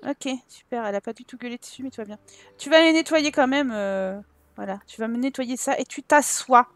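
A woman's voice: a little high, brisk, dry recording. A woman with a French accent giving casual let's-play commentary, teasing and scolding the characters in her game in an exasperated way. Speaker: gameplay commentator.

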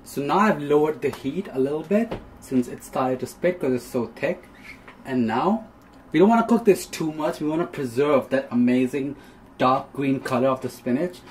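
A young adult man hosts a casual cooking demonstration in a small home kitchen, explaining each step in turn. His voice is mid-range with a darkish tone, and the recording carries a little hiss or hum.

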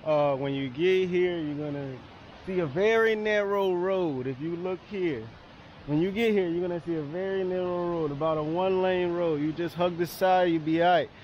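A young adult man with a high voice talks casually to camera as a travel vlogger, speaking at a normal pace in a colloquial, easygoing manner. He's outdoors by a roadside and a river waterfall, and the camera audio sounds dull and picks up ambient noise.

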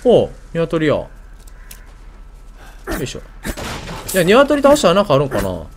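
A man's voice: on the high side, wildly swooping pitch, unhurried, slight background noise. A man with a Kansai Japanese accent doing casual video game commentary, thinking aloud in short muttered questions.

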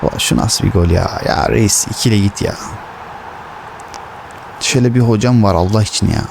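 Young man yelling at a football game. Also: lowish voice, normal speed, gravelly, noisy background. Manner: swears, shouts at players. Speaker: gaming streamer. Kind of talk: excited football game commentary.

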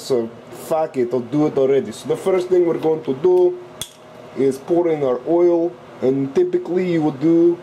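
Guy putting on a jokey russian cook accent, kinda high for a guy, swears, deadpan. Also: slight background noise, lightly acted, low-quality recording. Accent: put-on Russian accent. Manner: deadpan joking, drops articles, swears casually. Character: jokey Russian farm-boy cook, male adult. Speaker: cooking show host. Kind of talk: comic cooking tutorial.

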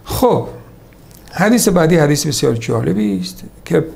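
Male preacher, somewhat high gravelly voice, slow recitation then chatty explanation. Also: very animated, darkish tone. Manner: slows to recite Arabic hadith, then explains in Persian; conversational lecturing, repeats points. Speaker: religious teacher. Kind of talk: sermon on hadith.

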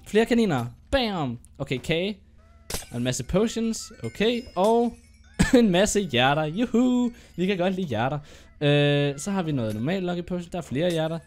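Young male gaming host, a bit sick with a sore throat, chatty and excitable, narrates every move in a fairly high voice. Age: young adult. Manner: excitable, chatty, narrating his own moves. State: sore throat, coughing now and then. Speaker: gaming YouTuber. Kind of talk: gameplay commentary.

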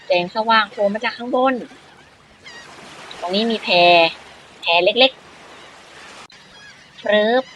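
An excitable man narrates his game in a bright, sharp voice. He bounces between playful commentary and little role-played exchanges, voicing his own jump sounds as he goes. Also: very high-pitched, drawn-out words, long pauses, slight background noise, poor audio. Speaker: gaming channel host.

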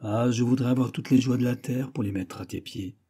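A man's voice: brisk, dark tone, breathy edge. A man voicing a tormented young knight. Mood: sorrowful. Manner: low, grave, sorrowful delivery.

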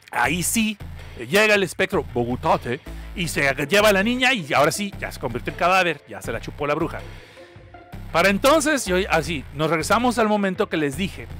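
A man's voice: high voice, very animated, moderate pace, sharp tone, soft background music. A man with a Mexican accent hosting a casual livestreamed movie recap, joking crudely and rambling as he corrects himself. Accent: Mexican Spanish. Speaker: podcast host.

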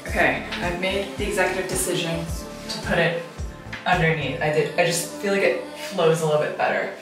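A woman in her thirties, voice on the low side and tone steady, talks a little fast in an informal vlog to camera. She thinks aloud while handling tasks around an empty apartment and small tiled bathroom, with echoey rooms and background music behind her.

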